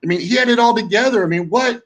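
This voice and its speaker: A man with a fairly high voice chats casually, circling back and repeating himself as he builds his point. His storytelling is loose and digressive. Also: fast talker, a bit bright, low-quality recording. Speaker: veteran discussion guest. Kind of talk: casual chat.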